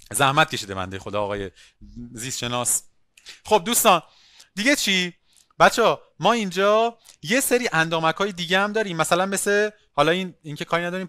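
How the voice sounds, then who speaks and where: A male biology teacher giving an online class, lively, asking questions and calling on students by name. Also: fairly high pitch, no room sound, studio quality.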